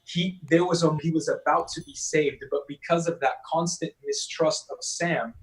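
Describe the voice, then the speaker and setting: A man in a casual film discussion, talking in a halting way with many fillers and restarts. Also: a little high, steady tone, low-quality recording. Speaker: podcast panelist.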